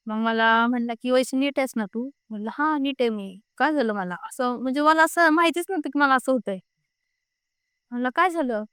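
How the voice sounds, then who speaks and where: Her voice sits high and moves a little fast with a clean tone, recorded dry in a clean studio. The young woman, a guest, casually narrates her own ghostly scare, animatedly repeating everyone's words as quoted snippets.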